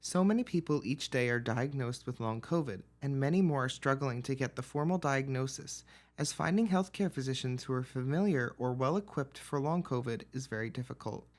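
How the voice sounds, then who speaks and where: Male reporter, scripted news narration, mid-range pitch. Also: fairly quick.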